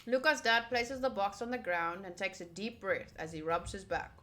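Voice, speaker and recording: Over background game music, a young woman from the United States reads a visual novel on stream and chats about it in a loose, playful way. She speaks at an ordinary pace in a mid-range, slightly bright voice.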